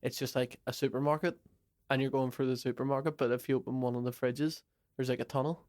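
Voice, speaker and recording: A man's voice: mid-range voice, steady tone, quick pace, darkish tone. A man joining a comedy podcast chat in a laid-back, sweary way.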